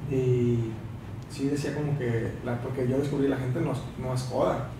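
A young barber with a Sinaloa Mexican accent chats as a guest on a casual podcast, explaining at length with plenty of fillers. His mid-range voice is steady, at normal speed, with vocal fry. A distant camera captures him in a small indoor room with a mirror, so the sound is echoey and hissy.

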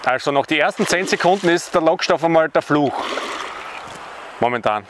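A man's voice: fairly high pitch, normal speed, noisy background. Chatty man fishing outdoors. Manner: relaxed, chatty banter. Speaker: angler presenting a fishing video. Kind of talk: casual chat while fishing. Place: outdoors at a pond.

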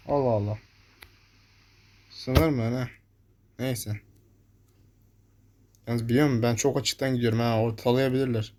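Excitable young man commenting on gameplay. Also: medium pitch. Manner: excitable, swearing at enemies, talking to viewers. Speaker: gameplay streamer.

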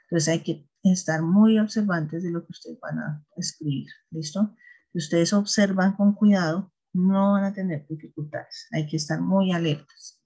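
Husky-voiced teacher giving a patient class explanation. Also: mid-range voice, fairly even intonation, normal speed, mellow. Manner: patient, checks understanding with repeated "¿listo?". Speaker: English teacher. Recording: dull lo-fi recording.

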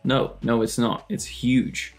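A man's voice: medium pitch, flat delivery, takes it slowly, soft background music. A man presenting a casual screen-share tutorial, chatty, joking and self-deprecating as he clicks through.

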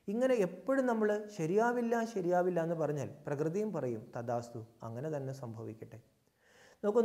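Man, spiritual talk, fairly high voice, mellow tone, asks and answers his own questions, loud stresses and soft asides. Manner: questioning the listeners and answering himself; swings between loud emphasis and soft low asides. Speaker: spiritual teacher.

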